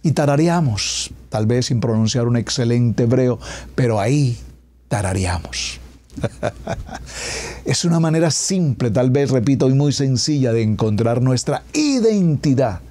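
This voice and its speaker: A middle-aged man preaching a radio sermon as a pastor, emphatic, stretching key words and dropping to a hush at climaxes. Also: medium pitch, expressive, a little slow, no echo. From Colombia.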